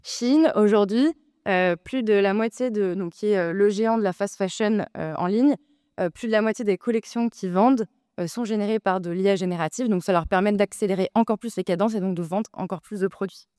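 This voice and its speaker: A woman's voice: mid-range voice, brisk, dark tone, clean tone, dry recording, studio quality. A woman arguing in a debate, hesitant with many filler sounds but insistent. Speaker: debate speaker, co-president of a data nonprofit. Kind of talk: debate argument.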